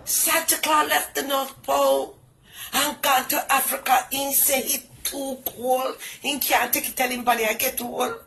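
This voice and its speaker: A woman's voice: high-pitched, level tone, normal speed, vocal fry, fairly bright tone, slight background noise. A middle-aged woman with a British Jamaican accent, doing a bawdy comic phone call with patois turns of phrase. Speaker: comedian. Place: indoors, small room. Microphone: phone camera close up, wired earphones.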